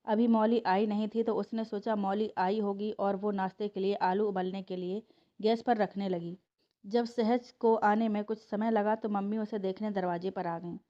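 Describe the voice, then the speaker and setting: A woman reading a family story aloud as scripted narration, in a steady, emotive storytelling manner. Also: mid-range voice, normal speed, lo-fi sound.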